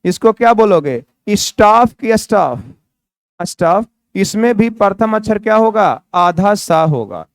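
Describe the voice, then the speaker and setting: A man's voice: high-pitched, expressive, normal speed, hardly any pauses, no room sound, studio quality. A man teaching English grammar in Hindi. He asks the viewers questions, answers them himself and repeats key words. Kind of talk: Hindi-language grammar lesson.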